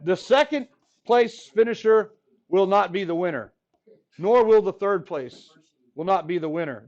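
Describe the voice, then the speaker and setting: A forties-aged math teacher from the Rio Grande Valley of Texas gives a playful, jokey high school lecture, talking straight to the class. His voice is slightly hoarse with a darkish tone, and the classroom recording sounds dull and lo-fi.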